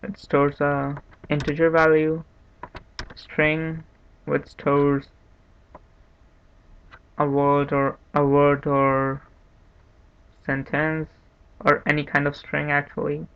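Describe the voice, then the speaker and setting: Male tutorial host, monotone and unhurried, slightly higher voice, dull lo-fi mic with faint hiss. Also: smooth. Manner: monotone, unhurried, thinking aloud with restarts. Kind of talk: screen-recorded coding tutorial. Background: keyboard typing and clicks.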